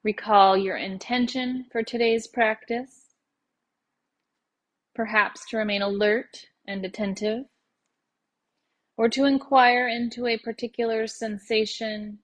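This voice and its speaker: A woman serving as a yoga nidra teacher leads a guided meditation, her phrases slow and unhurried with gentle pauses. Her voice sits a little high and holds a steady tone.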